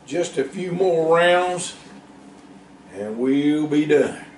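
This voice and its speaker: A steady, encouraging old work animal who urges his young partner on, as a storyteller voices him. The delivery is slow and even, close to the teller's own voice, in a roomy space from a little distance. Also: fairly high pitch, a little hiss or hum, pitched above the performer's own voice. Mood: urging. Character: older male work animal, patient steady mentor. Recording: roomy, distant, faint background.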